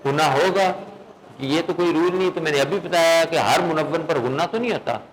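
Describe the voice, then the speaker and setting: A man's fairly high voice leads a classroom recitation lesson. He fires questions at his students and checks they follow. He slows right down to drill each sound. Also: slight background noise, rough recording. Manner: quizzes students, then drills sounds slowly; firm, often checks with "okay?". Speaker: Quran recitation teacher.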